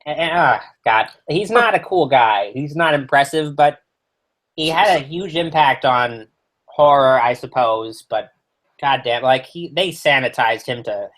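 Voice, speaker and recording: A brash werewolf doctor who hosts horror shows, played by a man, rambling through livestream questions. He jokes crudely and drifts off topic, in a voice of ordinary pitch. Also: expressive, measured pace, a bit bright. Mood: wry. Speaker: guest. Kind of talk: in-character livestream interview.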